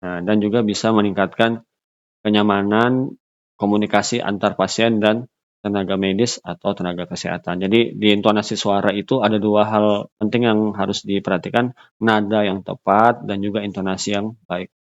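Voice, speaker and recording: A man with a lowish voice lectures in an unscripted way, halting with fillers and restarting phrases as he explains. The recording sounds dull and lo-fi. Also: steady tone.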